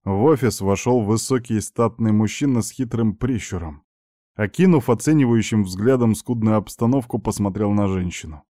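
A man narrating an audiobook in an even, measured storytelling way, close to the mic. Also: on the low side, no room sound.

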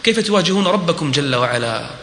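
A middle-aged man preaching in a large hall. He chants scripture in a drawn-out melodic line, then presses his listeners with repeated rhetorical questions. His voice is bright and forceful, and a long hall echo follows every phrase. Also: on the high side, expressive, slight background noise. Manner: chants scripture verses in a slow melodic recitation; speaks in rhetorical questions and repetition. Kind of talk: sermon retelling a prophet's story. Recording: reverberant hall recording.

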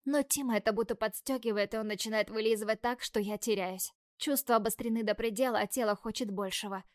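A woman narrating a first-person audiobook in a lively, expressive reading, dropping now and then to breathy whispers. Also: on the high side, fast talker, no room sound, clean studio sound.

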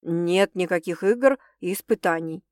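A woman voicing a calm, self-assured wealthy man who speaks in a measured, slightly condescending way, pitched a little lower than her narration. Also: dry recording, clean studio sound, lightly acted.

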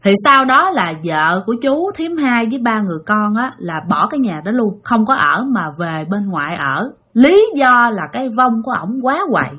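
A woman's voice: a little high, big pitch swings, moderate pace, few pauses, sharp tone, slightly rough. A woman with a Southern Vietnamese accent telling a ghost story in a chatty, casual way, addressing her listeners directly.

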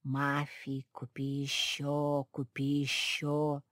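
A woman voicing a sly inner voice of temptation, speaking in a slow, coaxing way. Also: sits low, completely flat delivery, a bit bright, no echo, studio quality, voice pushed down.

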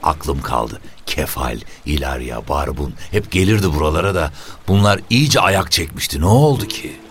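A man's voice: rumbling low, lively intonation, moderate pace, a little hiss or hum. A man voicing a weathered male fisherman who speaks in blunt, short remarks. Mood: puzzled. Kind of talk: audiobook character voice.

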